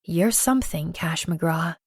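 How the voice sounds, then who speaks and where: Brief: woman narrator, lowish voice, dry close studio sound, playful first-person romance read. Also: animated, slow, breathy edge, no echo. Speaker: audiobook narrator.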